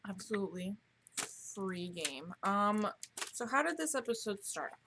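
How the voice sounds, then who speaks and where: A young woman co-hosting a relaxed chat, with an ordinary, mid-pitched voice. She keeps things loose with dry jokes and lots of ums. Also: moderate pace, a little hiss or hum. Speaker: co-host. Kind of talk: casual chat.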